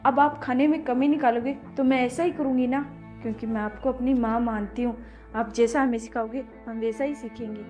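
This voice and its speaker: A woman's voice: fairly high pitch, fairly even intonation, fairly quick, natural voice. A woman acting as a young daughter-in-law in a home-made family drama, talking back firmly. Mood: explaining firmly. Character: young daughter-in-law, patient then firm. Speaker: actor in a family skit. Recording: faint background music.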